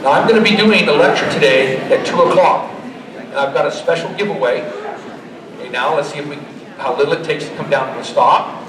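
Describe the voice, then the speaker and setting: A middle-aged man giving a live demonstration and pitch to an audience in a folksy, joking, motivational way, as a trainer. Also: fairly quick. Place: large indoor horse expo arena. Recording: echoey expo hall, distant, crowd noise. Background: crowd.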